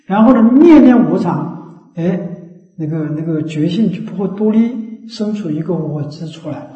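A man's voice: sits high, mellow. A man giving a Buddhist dharma talk, emphatic and repetitive, often asking his listeners rhetorical questions. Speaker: Buddhist teacher. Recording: echoey, dull lo-fi recording.

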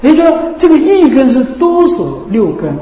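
A man's voice: very high-pitched, big pitch swings, a little fast, dark tone. A man teaching as a Buddhist preacher, repeating himself and asking rhetorical questions to check that listeners follow. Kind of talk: Buddhist sermon. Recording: echoey hall reverb.

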